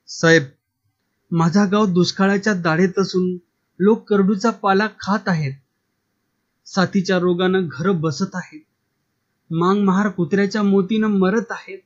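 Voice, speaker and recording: A man voicing a defiant middle-aged village official who speaks forcefully and indignantly. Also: high voice, fairly even intonation, a little slow, long pauses. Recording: dull lo-fi recording.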